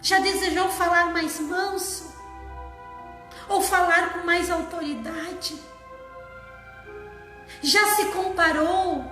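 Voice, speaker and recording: A woman preaching a sermon, slow and emphatic, sometimes sliding into song. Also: extremely high pitch, fairly even intonation, bright, forceful tone, soft background music. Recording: echoey room.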